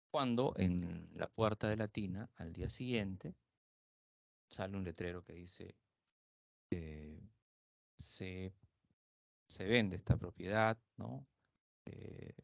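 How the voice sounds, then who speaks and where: A man's voice: low-pitched, gravelly, no echo, highs cut off. A man from Peru teaching a literature class, speaking in a conversational way with frequent tag questions and fillers. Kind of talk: recorded class lecture.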